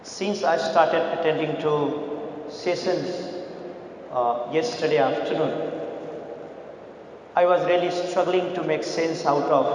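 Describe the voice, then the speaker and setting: A man from Nepal speaking, giving a formal, measured talk as a literary critic on a festival panel. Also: on the high side, darkish tone. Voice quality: measured, deliberate delivery with pauses. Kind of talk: formal conference speech. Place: large conference hall. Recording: very echoey hall, faint noise.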